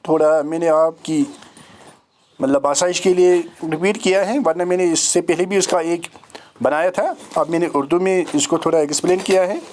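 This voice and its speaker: A man's voice: fairly high pitch, fairly even intonation, normal speed, darkish tone, slight background noise. A male teacher with a Pakistani accent giving a phonetics lesson, drawing out and repeating each vowel sound.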